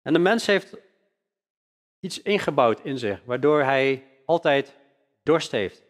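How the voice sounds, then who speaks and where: A man's voice: mid-range voice, lively intonation, slow. A man preaching a sermon in earnest, emphatic style, leaning hard on key words. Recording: long hall reverb.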